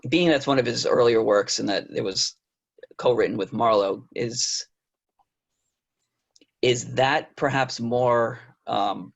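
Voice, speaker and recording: Gravelly, husky male host, lo-fi sound. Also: medium pitch. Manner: hesitant, trails off and rephrases questions. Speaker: interview host. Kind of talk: casual interview questions. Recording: dull lo-fi audio.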